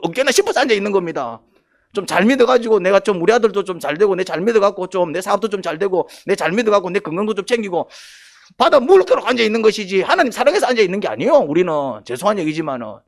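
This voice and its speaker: 경상도 사투리로 설교하는 남성 목사로, 조용하게 말하다가도 크게 힘주어 외치며 강조합니다. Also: male voice, high voice, expressive, rapid-fire, gravelly. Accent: Gyeongsang Korean. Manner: dialect-heavy, emphatic, swings from quiet to loud. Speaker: pastor. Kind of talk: sermon.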